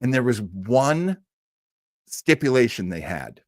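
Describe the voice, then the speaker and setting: An American man hosts an old-time radio show and performs, talking casually to livestream viewers and telling stories with a fan's enthusiasm and emphatic repetition. His mid-range, slightly mellow voice has big pitch swings and a slow pace. The studio-quality sound has no room sound.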